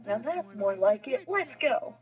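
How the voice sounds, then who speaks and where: A woman's voice: sits high, big pitch swings, a little slow, breathy edge, lo-fi sound, faint music behind. A woman playing a story game and reacting in a sarcastic, exasperated way. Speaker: player. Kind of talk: casual game play chat.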